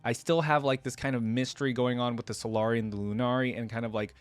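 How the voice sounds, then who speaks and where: A man with a clear, resonant mid-range voice talks fast with fairly even intonation, chatting informally to viewers as a reaction video host. It's unscripted, rambling conversation, and the recording is dry.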